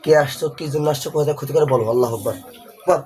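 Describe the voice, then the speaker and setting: A man's voice: medium pitch, racing, a little hiss or hum. A man from Bangladesh, a ruqyah healer, sternly commanding and threatening during an exorcism session. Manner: stern, commanding, often hushed.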